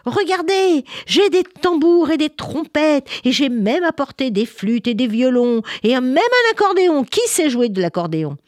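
A woman voicing an excited little village girl who talks in a high, eager, coaxing way. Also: normal speed, few pauses, no echo, clean studio sound.

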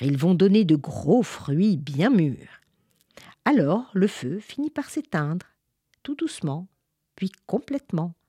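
Animated woman telling a children's story. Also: low voice, slightly rough, no room sound, clean studio sound. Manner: animated, expressive.

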